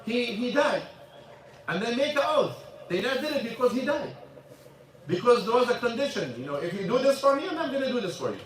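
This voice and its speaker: In an echoey mosque classroom, recorded from a distance, a very animated male imam with a high voice leads an informal lesson that includes questions. His delivery is halting, with repeated words and shifts into Arabic.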